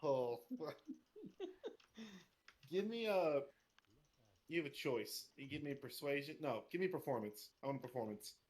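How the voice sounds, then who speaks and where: Man, game master, casual narration, laid-back swearing, mid pitch. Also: expressive, measured pace, long pauses, a little mellow. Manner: loose and chatty, swears casually, laughs often.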